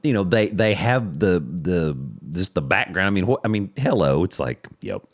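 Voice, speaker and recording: A man's voice: low voice, lively intonation, moderate pace, no echo, clean studio sound. A man co-hosting a podcast in casual sports chat, rambling and repeating words as he finds his point. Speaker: podcast co-host.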